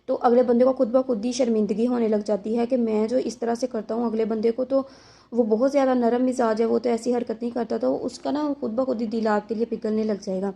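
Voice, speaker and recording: A woman talks straight to her viewers, giving relationship advice. Her voice is fairly high with a gravelly edge. She explains with examples and asks rhetorical questions. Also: steady tone, mellow. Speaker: advice channel host.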